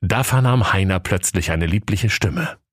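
A man with a northern German accent narrating a comic fairy tale in a lively, playful way. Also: low-pitched, a little slow, no echo, studio quality. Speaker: storyteller.

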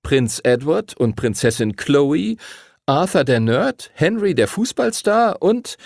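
A man's voice: a little high, big pitch swings, slow, creaky, darkish tone, dry recording, studio quality, voice pushed up, heavily acted. A man voicing a burly red-haired bully boy in an audiobook, speaking in a sneering, taunting way. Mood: mocking. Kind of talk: audiobook character voice.

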